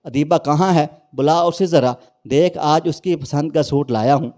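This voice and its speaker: A man's voice: fairly high pitch, darkish tone, close to an everyday voice. A man voicing a tired, tender old fruit-seller father who pleads and grieves, in a storybook reading. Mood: affectionate. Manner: pleading, heartbroken.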